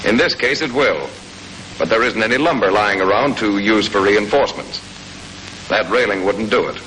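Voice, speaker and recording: An American man, his voice fairly low and a bit bright, delivers scripted instruction at a moderate pace, plain in tone but with folksy touches. He sounds like a narrator from a 1940s military training film, heard on a noisy old soundtrack of that era.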